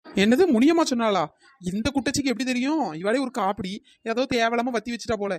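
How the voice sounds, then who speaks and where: A woman's voice: on the high side, darkish tone, no room sound, studio quality, natural voice. A woman voicing a scheming village girl in a cartoon, scolding and sly. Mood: indignant. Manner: quick, scolding and sly, switching to sweet pleading. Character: scheming village girl who sells fake biryani. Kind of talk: cartoon voice acting.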